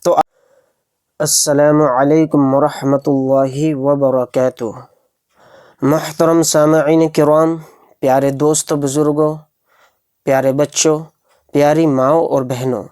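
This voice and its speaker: Man, Quran reading teacher, warm smooth voice, fast explaining, slow syllable drills. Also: on the high side, steady tone. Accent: Pakistani Urdu.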